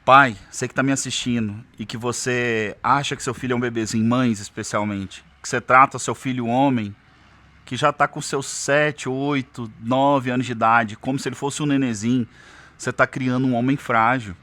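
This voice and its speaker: Forceful Brazilian man giving advice. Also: medium pitch, steady tone, normal speed. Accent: Brazilian Portuguese. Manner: forceful, direct, addresses parents head-on. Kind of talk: emphatic advice talk.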